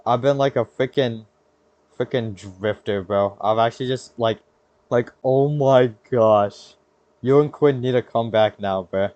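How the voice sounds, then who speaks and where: A young adult American man hosts a podcast, rambling along in casual slang and often cutting himself off mid-thought. His voice is lowish and a little mellow. There's no echo, but the high frequencies are cut off.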